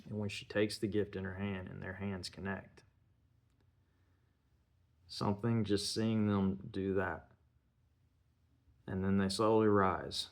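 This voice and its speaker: A man's voice: deep voice, flat delivery, takes it slowly, creaky, long pauses. A man giving a casual spoken film review, retelling the scenes step by step and slipping in bits of dialogue.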